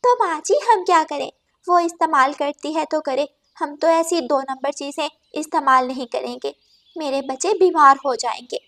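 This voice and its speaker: A gentle young female sparrow, voiced by a woman in a cartoon, the daughter-in-law of the house. She talks softly and politely in a high voice. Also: moderate pace. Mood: complaining. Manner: soft and polite, mildly complaining.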